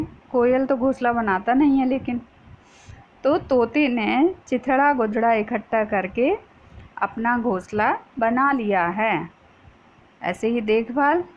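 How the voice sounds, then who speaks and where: A woman teacher explaining a school lesson to young pupils, patient, often asking a question and then answering it herself. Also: on the high side. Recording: dull lo-fi sound with faint noise.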